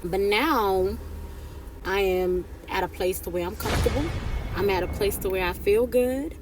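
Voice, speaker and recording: A woman in her thirties talks straight to camera in a loose, chatty way, handing out life advice. She circles back over her points and keeps checking in with her listeners with a quick "right?" or "okay?". Her pitch sits in the middle for a woman. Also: background noise. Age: 30s. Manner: chatty, repeats herself, tags lines with "right?" and "okay?". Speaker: vlogger giving life advice. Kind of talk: casual advice talk to camera.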